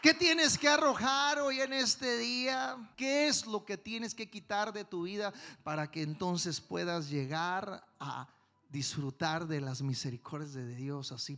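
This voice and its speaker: A male pastor preaching a sermon with passion, swinging between quiet stretches and sudden loud outbursts. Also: high-pitched.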